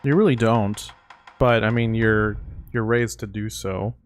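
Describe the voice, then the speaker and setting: A man's voice: lowish voice, a little slow, soft background music. A man co-hosting a game stream, chatting in an easygoing way with short replies and frequent laughs. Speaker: streamer co-host. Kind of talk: casual gameplay chat.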